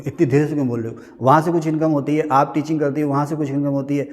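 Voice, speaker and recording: A man's voice: fairly high pitch, fairly even intonation, very fast, darkish tone. A man teaching an economics class in a classroom, joking and quizzing his students in a conversational way. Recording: hall reverb.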